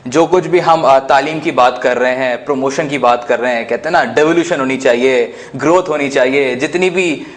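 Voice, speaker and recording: A man's voice: medium pitch, normal speed, hardly any pauses. A man with a Pakistani Urdu accent, a guest trainer, explaining earnestly with some hesitations on a talk show.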